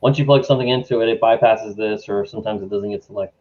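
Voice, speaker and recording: A man's voice: on the low side, steady tone, quick pace, a little mellow. A man's voice comes through muffled and dull, as if from behind a door. He talks in casual, hesitant bursts on a video call. The webcam mic gives a slightly echoey, lo-fi sound. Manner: casual, hesitant, fiddling with settings. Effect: muffled voice, as if heard through a door. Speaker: co-host of web show. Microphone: webcam or headset on video call.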